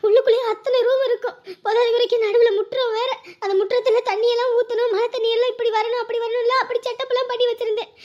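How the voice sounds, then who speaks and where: A woman's voice: very high voice, dull audio. A woman voicing a remorseful older village woman just back from jail, prone to wailing laments. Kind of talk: village drama voice acting.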